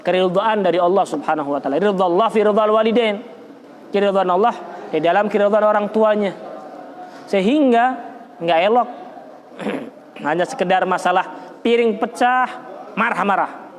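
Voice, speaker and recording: A man leads a religious study lecture in a relaxed, conversational way, with a notably high voice. He quotes Arabic verses and then explains them. He repeats points for emphasis and often stumbles into restarts. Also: normal speed, long pauses. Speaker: Islamic religious teacher.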